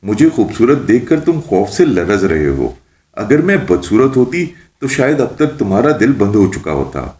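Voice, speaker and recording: A man's voice: on the low side, big pitch swings, darkish tone. A man voicing a teasing, bossy female witch spirit who mocks and makes demands. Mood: threatening. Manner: mocking, playful, demanding. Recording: roomy echo.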